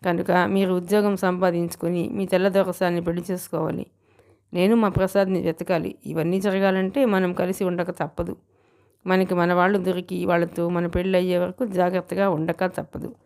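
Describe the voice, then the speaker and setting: A woman voicing a quick-witted young bride who talks briskly and persuasively in an audiobook story. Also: fairly low pitch, flat delivery, darkish tone, lightly acted.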